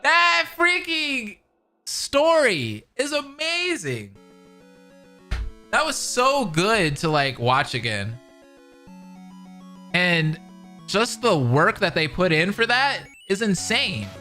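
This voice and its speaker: With music in the background, a man with a high, sing-song voice reads and reacts to a fan-dubbed visual novel as a streamer. He goes slowly, pausing often, and his tone is bright and forceful while his commentary stays casual, slangy, and enthusiastic.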